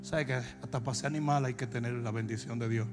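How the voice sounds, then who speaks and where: A Dominican man preaching, telling comic stories and breaking into long shouted cries. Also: medium pitch, steady tone, over music. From Dominican Republic. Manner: shifts from shouted, drawn-out preaching to fast, joking anecdotes. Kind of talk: comic sermon storytelling.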